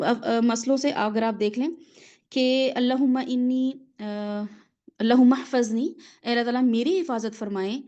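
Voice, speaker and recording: Warm higher-voiced woman teaching. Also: dull audio. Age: adult mother of children. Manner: explains patiently with everyday examples, often checks "okay?". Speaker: religious teacher. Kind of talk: conversational religious lesson.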